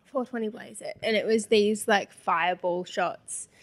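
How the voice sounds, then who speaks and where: With a mid-range voice and a slightly slow pace, a young podcast co-host reads hate comments aloud in a casual, giggly way. She mocks them with put-on voices and laughs often.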